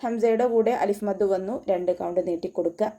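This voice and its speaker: A woman's voice: mid-range voice, fairly even intonation, dark tone. A woman teaching an online recitation class, patiently explaining each sound step by step. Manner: patient step-by-step instruction with slow chanted recitation.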